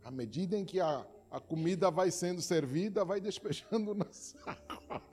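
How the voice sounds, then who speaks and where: A man's voice: high voice, normal speed, a little mellow, soft background music. A man with a Brazilian Portuguese accent preaching a sermon as pastor, emphatic and repeating words for effect while telling stories.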